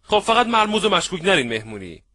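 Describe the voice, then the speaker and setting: A man giving an animated seminar lecture on networking, acting out little scenes and checking that his audience follows. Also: sits high, background noise. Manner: lively, acts out little scenes, asks the audience if they follow. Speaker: networking trainer.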